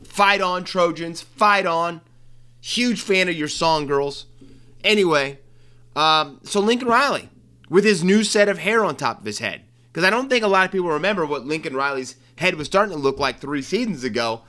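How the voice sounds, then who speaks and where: Bright-voiced, chatty male sports show host. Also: on the high side, animated, fairly quick. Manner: chatty and joking, with frequent ums and restarts. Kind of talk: casual sports commentary monologue.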